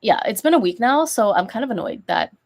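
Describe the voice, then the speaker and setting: A woman's voice: fairly high pitch, big pitch swings, fairly quick, vocal fry. A woman with a nasal, congested voice from a recent cold and sore throat, chatting casually in a rambling, self-correcting way as a vlogger. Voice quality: nasal, stuffy-nosed. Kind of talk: casual chatty haul vlog.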